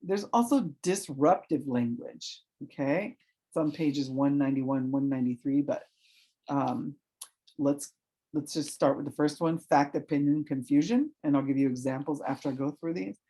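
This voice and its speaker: Professor giving a recorded lecture, informal and talky, medium pitch, checks in with "right?" and "okay" all the time. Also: normal speed, dark tone. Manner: loose and informal, with fillers and restarts. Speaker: college professor. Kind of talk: recorded online lecture on communication.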